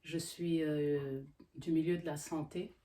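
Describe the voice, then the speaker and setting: A middle-aged health professional from the Democratic Republic of the Congo gives an earnest educational monologue, hesitating often. Her voice sits low and warm, slow-paced with fairly even intonation.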